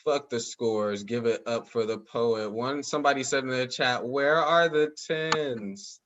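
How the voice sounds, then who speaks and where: A man's voice: medium pitch, measured pace, background noise. A man hosting a poetry slam in a casual, playful way, heard over a group video call. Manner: casual, laid-back, playful. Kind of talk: hyping up an online slam. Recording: muffled video call audio.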